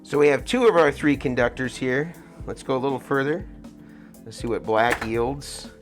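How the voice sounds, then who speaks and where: An American man hosts a hands-on tutorial, his voice muffled by a face mask. He explains things step by step at a middling pitch. Music plays faintly behind him. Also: moderate pace. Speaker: tutorial host, guitar rig builder.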